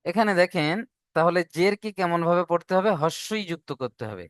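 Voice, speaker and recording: A man teaching Arabic letter vowels in an online class, patiently drilling syllables and repeating them slowly. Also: sits high, expressive, no room sound, studio quality.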